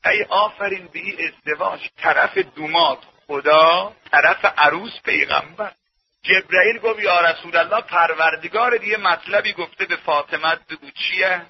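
A man preaching a sermon in an impassioned way, rising to shouts and dropping to hushed storytelling. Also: sits high, slight background noise. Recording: dull lo-fi old tape.

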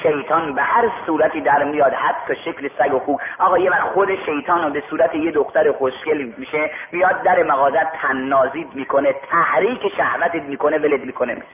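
A man's voice: fairly high pitch, hardly any pauses. A man preaching a sermon, retelling a religious story and acting out its dialogue. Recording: echoey tinny radio broadcast.

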